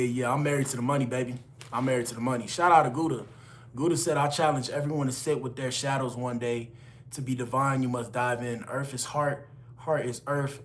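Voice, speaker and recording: A man's voice: mid-range voice, fairly bright tone. A man in his late twenties hosting a casual live stream, reading out chat names and answering viewers in loose, laid-back slang. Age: 20s. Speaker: livestream host reading chat.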